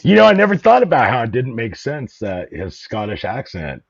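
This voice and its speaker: A man's voice: mid-range voice, huge pitch swings, moderate pace, creaky, no room sound, dull audio. A man hosting a casual interview, laid-back and slangy, reacting with enthusiasm. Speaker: show host.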